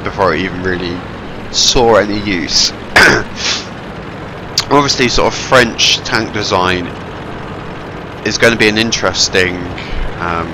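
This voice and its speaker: Gunfire, engines and other game sounds make for a noisy background as a young man with a head cold commentates a tank game at a measured pace. His voice is on the low side, he pauses at length, and his casual remarks ramble in a wry, self-deprecating way.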